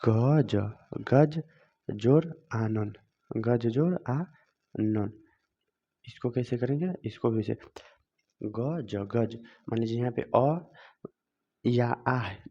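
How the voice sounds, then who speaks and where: Man teaching, dark lo-fi. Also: medium pitch. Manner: asks the viewer questions then answers them, repeating each step. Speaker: Hindi grammar teacher. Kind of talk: video lesson. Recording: dull lo-fi sound.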